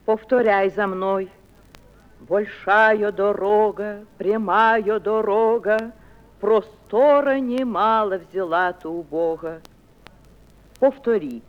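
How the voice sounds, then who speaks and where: An actress playing a strict mother drilling a boy on a poem, patient but sharp, in an old radio play. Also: mid-range voice, takes it slowly, lo-fi sound, lightly acted. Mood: insistent.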